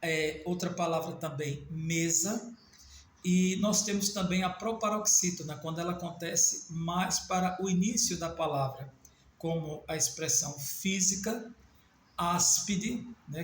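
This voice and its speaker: A man from Northeast Brazil with a Northeastern Brazilian accent, teaching a Portuguese grammar video lesson and spelling out letters slowly with small self-corrections. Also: fairly high pitch, reverberant, a little hiss or hum.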